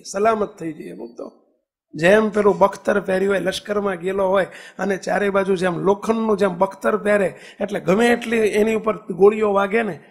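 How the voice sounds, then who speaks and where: A man's voice: sits high, creaky. A man preaching a sermon, telling a story with emphatic delivery and acted-out cries and dialogue.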